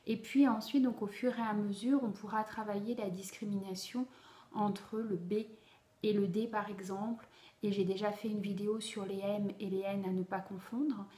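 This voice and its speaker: A woman's voice: medium pitch, steady tone, normal speed, mellow. A woman teaching reading, patiently explaining a method to parents in an instructional video. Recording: roomy echo.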